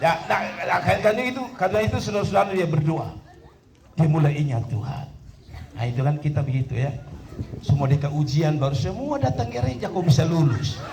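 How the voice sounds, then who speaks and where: A man's voice: a little high, fairly quick, creaky. A pastor with a Kupang Malay accent, telling a comic story in a sermon and calling out to his listeners. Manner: animated, calls out to the listeners. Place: large hall with an audience. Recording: echoey hall, distant mic, crowd noise.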